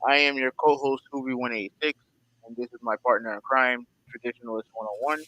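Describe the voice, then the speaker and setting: A man's voice: mid-range voice, steady tone, quick pace, pushed and bright, no echo. Man sounding muffled, as if through a wall. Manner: loose, filler-heavy, repeats himself. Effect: muffled, as if heard through a wall. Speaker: podcast co-host. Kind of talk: casual podcast chat.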